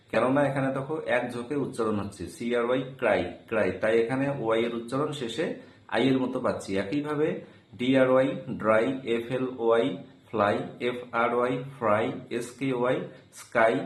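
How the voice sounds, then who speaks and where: A man teaching an English pronunciation lesson in Bengali, spelling out each example word slowly and repeating it. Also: mid-range voice, roomy sound, poor audio. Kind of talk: video lesson.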